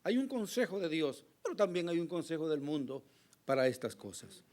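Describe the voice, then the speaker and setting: A male pastor preaching a sermon with a hoarse voice, earnest and emphatic, pausing to address the congregation. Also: fairly high pitch, sing-song, a little mellow. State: hoarse, recovering from lost voice.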